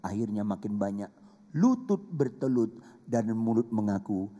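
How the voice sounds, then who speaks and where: A man's voice: fairly low pitch, lively intonation, measured pace, warm tone. A man with an Indonesian accent, a pastor preaching an emphatic, humorous sermon that repeats phrases for effect. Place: church. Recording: long reverb of a church hall.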